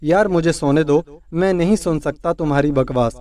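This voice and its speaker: A man's voice: a little high, dark tone, distant mic, close to an everyday voice. A man voicing a tired, feverish young husband who mutters wearily and snaps in irritation. He keeps close to his own voice, set back from the mic. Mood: weary.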